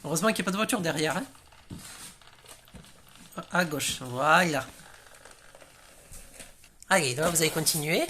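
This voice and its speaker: A woman's voice: low voice, lively intonation, normal speed, long pauses, fairly bright tone, slight background noise. A woman playing an impatient, commanding driving examiner in an amateur comedy sketch. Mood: bossy.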